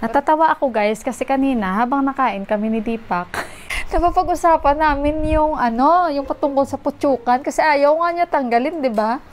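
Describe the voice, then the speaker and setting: A young woman from the Philippines vlogging casually from her home kitchen, telling stories in an animated way and laughing at her own anecdotes. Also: sits high, normal speed. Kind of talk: casual chatty vlog.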